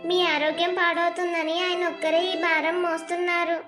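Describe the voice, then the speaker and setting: A woman voicing a timid, devoted young daughter-in-law in a cartoon family drama, soft and self-effacing. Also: extremely high pitch, level tone, fairly quick, loud music behind the voice. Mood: pleading.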